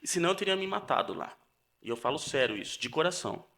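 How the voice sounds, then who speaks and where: A young Brazilian man, a seminarian, giving an earnest personal testimony on a podcast, halting and restarting as he tells it. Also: a little high, animated, sharp tone. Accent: Brazilian Portuguese. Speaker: seminarian guest.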